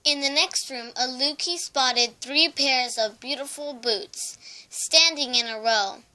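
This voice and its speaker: A young woman narrates a children's storybook. Her voice is high and bright, and she reads slowly and carefully, sometimes repeating a word. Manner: careful reading with stumbles and repeated words. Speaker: storybook reader.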